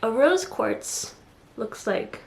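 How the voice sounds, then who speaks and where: A woman's voice: a little high, expressive, extremely slow, gravelly, echoey room, slight background noise. A woman vlogging to camera, talking in a rambling, chatty way full of "like" and apologetic asides, a bit out of breath as she stands. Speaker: vlogger giving self-love advice. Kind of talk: casual chat to camera. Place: indoor room, standing before the camera.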